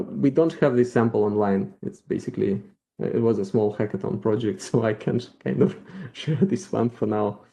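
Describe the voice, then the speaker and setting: A man with a Russian accent giving a live software demo at a meetup, thinking aloud with halting restarts. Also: on the low side, creaky. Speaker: featured speaker at a developer meetup.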